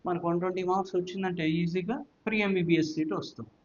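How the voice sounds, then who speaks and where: A man's voice: high-pitched, steady tone, rapid-fire. A male physics teacher with a Telugu accent talks students through exam prep, mixing Telugu and English and repeating points with check questions. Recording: dull, lo-fi audio.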